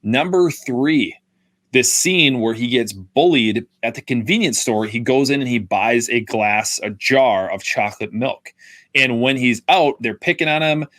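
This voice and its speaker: A young man talks through a movie on a podcast in a loose, rambling way, circling back with fillers and restarts. His voice sits at an average pitch and sounds close and dry. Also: measured pace, fairly bright tone, dry recording. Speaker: podcast co-host. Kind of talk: casual film review chat.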